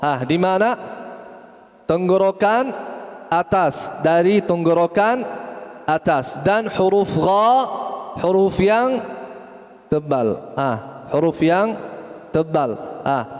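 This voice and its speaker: A man teaching Quran recitation, correcting pronunciation and repeating letter sounds slowly. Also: high-pitched, animated, big-room sound. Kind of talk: tajweed lesson with recitation.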